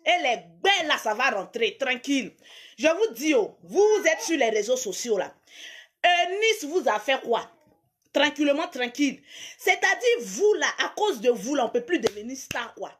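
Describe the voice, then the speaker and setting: A young woman, ranting loudly and mockingly at her followers, often shouting and laughing. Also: sits high, sing-song, moderate pace. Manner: loud, mocking, repeats catchphrase, shouts and laughs. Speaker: social media personality.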